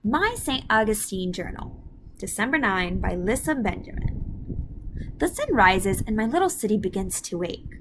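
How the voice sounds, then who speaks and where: On a low-quality recording with slight background noise, a woman who teaches elementary school guides children through a read-aloud reading lesson, breaking explanations down step by step. She speaks in a medium pitch that is a bit bright, in an instructive way.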